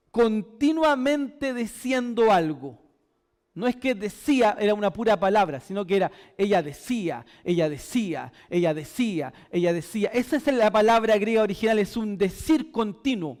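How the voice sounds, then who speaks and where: A man with a very high voice and a Chilean Spanish accent preaches a sermon. He puts questions to his listeners and repeats words to drive them home. His voice echoes through a church hall with a long reverb. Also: darkish tone. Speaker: pastor.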